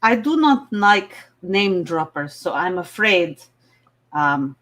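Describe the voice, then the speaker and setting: A woman in a game-show improv bit voices an over-the-top Russian bachelorette with a fake Russian accent, playing the contestant who chooses a band. Her full character voice is lowish, a bit bright and very animated, delivered slowly in a haughty, coy mood.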